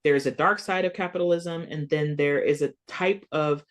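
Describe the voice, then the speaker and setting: A woman from the United States, a coach and founder, talking as a guest in a casual podcast interview, animated and earnest, full of "like" and "you know". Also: deep voice, moderate pace. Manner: earnest, emphatic, speeds up in bursts.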